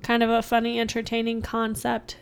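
A woman co-hosting a podcast in casual chat, tossing out teasing, deadpan quips. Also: on the high side, brisk, creaky, clean tone. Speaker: podcast co-host.

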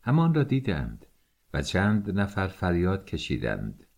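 Man, low voice, audiobook narrator, measured, steady delivery. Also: creaky.

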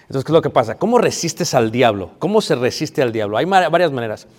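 A man's voice: mid-range voice, big pitch swings, fast talker, a little mellow. Pastor guy giving a marriage sermon, playful, keeps asking the crowd stuff, big hall echo. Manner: conversational, asks the audience questions, playful. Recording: long reverb of a hall.

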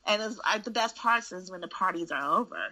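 A woman's voice: mid-range voice, brisk, poor audio. A woman who works in school administration, candidly telling stories in casual conversation. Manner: candid, frank, animated storyteller with frequent restarts.

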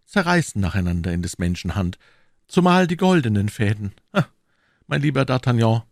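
A man's voice: on the low side, big pitch swings, brisk, no echo, clean studio sound, pitched above the performer's own voice. A man voicing a young musketeer in an audiobook, theatrical and declamatory, swinging between gloom and rapture. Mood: melancholy. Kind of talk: audiobook character voice.

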